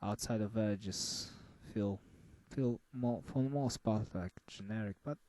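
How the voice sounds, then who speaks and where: A man giving a casual album review, halting and full of fillers and restarts. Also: lowish voice, warm tone, no echo. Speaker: music reviewer.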